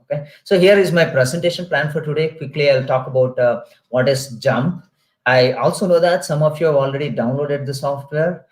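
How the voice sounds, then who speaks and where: Indian guy giving a webinar talk over a call, explains steady with lots of uhs, echoey room. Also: a little high, a little fast. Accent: Indian English. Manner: steady explanatory, frequent "uh" fillers. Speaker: guest lecturer. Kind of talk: online webinar lecture. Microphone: video call.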